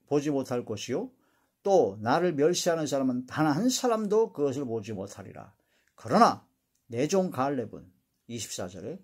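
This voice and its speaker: A man giving a Bible exposition, reading verses aloud and explaining them, trailing off quietly at the end of sentences. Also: medium pitch. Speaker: Bible teacher.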